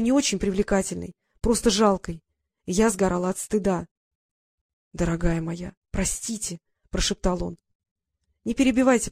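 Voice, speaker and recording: A woman's voice: medium pitch, a little mellow, no echo. Woman narrating an audiobook, dry close mic.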